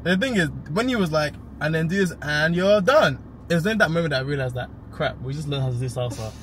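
A man's voice: a little high, fast, a bit bright. A man from London with a London accent, chatting playfully and boasting in a casual vlog.

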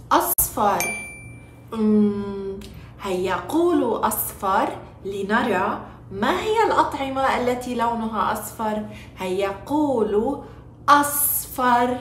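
A woman's voice: fairly high pitch, roomy sound, slight background noise. A woman presenting a children's lesson, playful and exaggerated, coaxing little ones to repeat words. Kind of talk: teaching toddlers.

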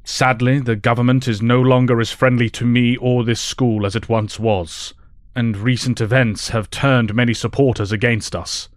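Man acting measured, dry-miked Professor Xavier. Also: medium pitch, flat delivery, dry recording, lightly acted. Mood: grave, measured. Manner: measured, formal. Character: measured, principled male professor leading mutant heroes. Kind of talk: audio drama acting.

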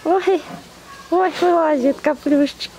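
Holding a handheld camera outdoors at the zoo bear enclosures, a woman films and feeds the bears while babbling affectionate baby talk with repeated words and diminutives. Her voice sits high with a darkish tone and a measured pace. The low-quality recording carries a little hiss or hum.

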